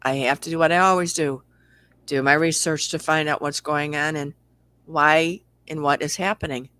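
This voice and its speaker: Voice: mid-range voice, fairly even intonation, normal speed, pushed and bright, clear, resonant tone. A livestream host chatting candidly and at length with a caller and reading out viewer comments. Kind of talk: casual spiritual chat.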